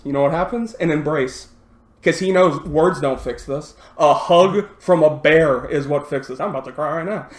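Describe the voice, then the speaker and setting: Podcast co-host, man with a slightly high voice who tells stories with energy; roomy, echoing sound. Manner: animated storyteller, swears a lot, acts out scenes. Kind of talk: casual chat. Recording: roomy echo.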